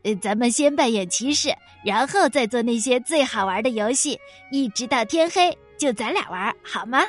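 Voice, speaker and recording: A woman's voice: a little high, expressive, normal speed, soft background music. A woman voicing a timid but eager young boy playmate in a storybook. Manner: impatient, then stammering.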